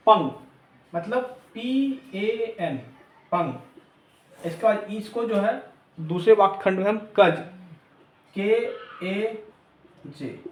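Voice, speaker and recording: Male teacher, high voice, slow and deliberate, echoey room. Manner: slow, spells out letters one by one. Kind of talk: classroom lesson.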